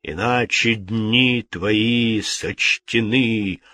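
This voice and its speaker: A man voicing a solemn ghostly voice that speaks slowly and gravely. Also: lowish voice, steady tone, bright, forceful tone, dry recording, full character voice. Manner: slow, grave, pronouncing. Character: solemn ghostly male voice from the dark.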